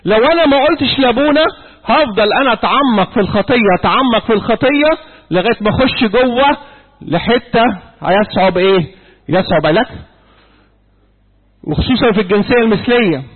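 High-voiced Egyptian man in his sixties. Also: lively intonation, fast talker, pauses often, slightly rough. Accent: Egyptian Arabic. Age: 60s. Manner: quizzing, repeats key points, prompts the audience to answer. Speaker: church youth speaker. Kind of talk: church lecture to young people. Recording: tinny phone-like audio in a reverberant hall.

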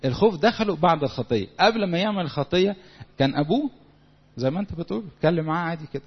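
Speaking very fast in a husky, highish voice, an Egyptian Arabic-accented man gives a sermon to young listeners. He keeps it lively and conversational, acting out quotes, and the lo-fi audio echoes in a reverberant hall.

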